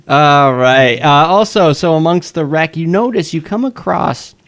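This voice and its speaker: A man's voice: a little high, a little slow, a bit bright, dry recording. A man improvising narration as game master of a tabletop game.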